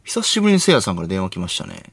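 A man with a Kansai accent co-hosting late-night comedy radio, firing back sharp comebacks and protesting denials. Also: deep voice, huge pitch swings, very fast, husky. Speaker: radio co-host.

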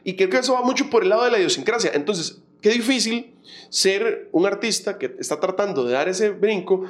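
A man, hosting a casual interview in a measured, conversational way. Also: high-pitched, lively intonation. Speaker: host.

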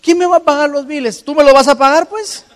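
A man's voice: very high-pitched, fairly even intonation, brisk, big-room sound, voice pushed up. A man voicing Peter, a worn-out, broke fisherman who complains with exasperation. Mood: indignant. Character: weary broke adult male fisherman Peter.

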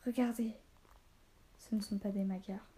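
A woman's voice: mid-range voice, fairly even intonation, moderate pace, slight background noise, natural voice. A woman voicing an urgent young boy charioteer. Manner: shouting out warnings.

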